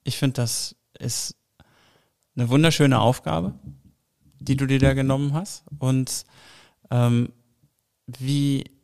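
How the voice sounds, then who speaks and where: A man interviewing a guest, asking halting questions in a casual conversation. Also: medium pitch, fairly even intonation, gravelly, darkish tone, clean tone.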